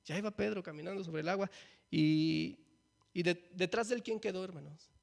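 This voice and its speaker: High gravelly-voiced man preaching. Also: moderate pace. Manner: folksy, asks the congregation questions, frequent "¿no?". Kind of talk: conversational sermon. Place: church.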